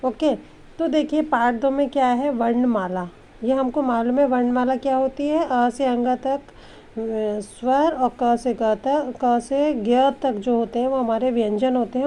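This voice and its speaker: A woman teacher with a high but mellow voice takes young children through a grammar lesson. She explains patiently, step by step, sounding out each letter slowly and slipping English words into her Hindi. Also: slight background noise.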